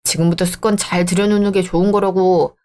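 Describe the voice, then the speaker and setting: A woman voicing a bossy married man who pushes and scolds in a lowered voice. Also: level tone, fast, darkish tone, natural voice. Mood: coaxing. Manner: pushy, scolding, lower-pitched. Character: bossy married man, sister-doting husband.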